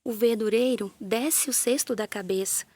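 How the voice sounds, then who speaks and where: A woman with a Brazilian Portuguese accent narrating a children's story in a gentle, playful way, with little sound effects. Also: a little high, moderate pace, no echo.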